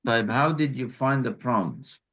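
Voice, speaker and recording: A man teaching an online class, slowly walking students through challenges and repeating key points. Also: medium pitch, fairly bright tone. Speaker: instructor.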